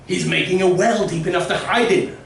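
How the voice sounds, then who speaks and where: A man voices scornful, suspicious villagers gossiping about an outcast in a storybook tale, declaiming emphatically. His voice sits high and gravelly, pushed upward, and runs a little fast. The recording sounds roomy, with distant miking and faint noise.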